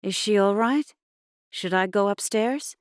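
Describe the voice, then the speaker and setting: A woman's voice: medium pitch, a little slow, clean tone, no echo, clean studio sound, pitched above the performer's own voice, close to an everyday voice. A woman with an Australian accent voicing a harried, worried mother who speaks in firm, clipped tones.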